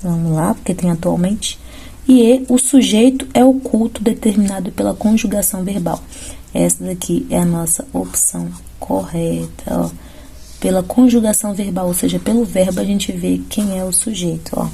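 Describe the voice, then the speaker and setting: Gravelly-voiced woman teaching grammar. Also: medium pitch, moderate pace, warm tone. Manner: explanatory, checks in with "tá bom?" and "ó". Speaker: Portuguese teacher. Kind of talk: exam-prep lesson going through questions.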